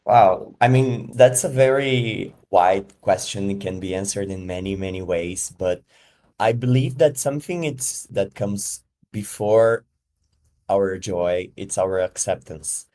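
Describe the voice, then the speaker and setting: A man's voice: fairly low pitch, slow, mellow. A man from Brazil, a podcast guest giving thoughtful answers while searching for words. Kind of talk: casual interview answers.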